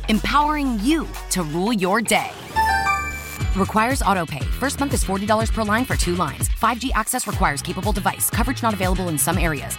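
Upbeat woman reading an ad. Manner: bright sales pitch, quick legal fine print. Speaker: ad announcer. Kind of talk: scripted radio ad read. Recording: music bed behind.

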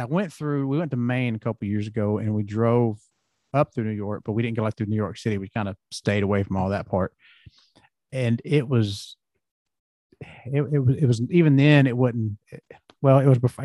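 A man's voice: medium pitch, fairly quick, warm tone, no echo, clean studio sound. A middle-aged man with a Southern US accent hosting a casual interview, telling folksy, rambling stories. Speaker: podcast host.

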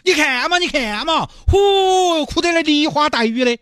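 A man doing a shrill gushing soft-hearted man. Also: expressive, normal speed, no echo, clean studio sound, exaggerated voice. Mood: pleading. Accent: Sichuanese. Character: excitable soft-hearted man pleading for a dolphin.

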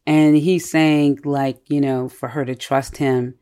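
A podcast co-host in a casual book discussion, retelling the story in an animated way with many fillers and frequent laughter. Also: mid-range voice, slow, smooth. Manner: laughs often while retelling.

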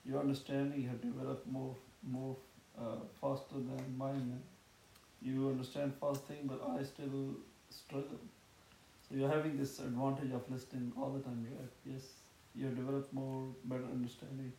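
A man talking in a halting way as a podcast guest, repeating words and using unusual grammar. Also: mid-range voice, monotone, vocal fry, warm tone. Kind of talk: casual chat. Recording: echoey room with faint hiss.

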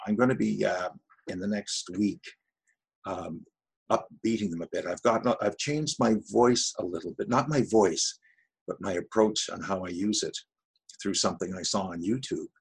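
Gravelly, husky retired man chatting. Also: on the low side, normal speed. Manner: rambling, self-deprecating, with frequent restarts. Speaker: voice-over artist guest. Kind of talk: casual interview chat.

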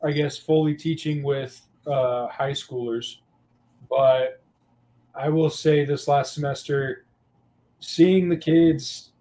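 A man's voice: a little high, slow pace. A young adult man, a guest on a casual podcast, telling teaching stories with lots of fillers. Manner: storytelling, animated, many fillers.

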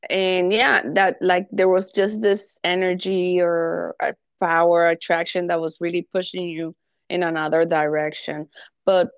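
Gravelly-voiced chatty woman podcast host. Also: on the low side, level tone, measured pace, no room sound, muffled recording. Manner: chatty, laughs often, talks over the guest. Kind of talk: casual interview chat. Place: living room.

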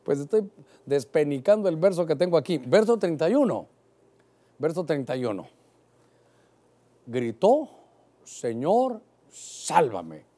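A man's voice: a little high, very animated, moderate pace, long pauses, warm tone. A man in his sixties, a pastor preaching a sermon with passion who keeps calling his listeners brother.

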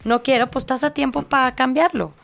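A woman with a Mexican accent, a guest on an interview show, telling stories in lively casual chat and acting out the voices of the people in them. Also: high-pitched, brisk, creaky. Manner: animated storytelling, acts out quoted voices, laughs often. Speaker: angel medium guest.

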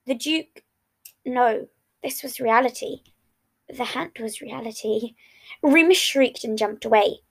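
A woman's voice: high-pitched, gravelly. A woman reading fan fiction aloud, often slipping and restarting lines. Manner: reads with frequent slips and restarts. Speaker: reader.

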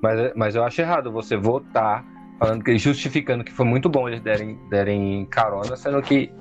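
A man's voice: medium pitch, brisk, dull audio, soft background music. A man co-hosting a casual movie review podcast, speaking hesitantly and searching for words. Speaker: podcast co-host.

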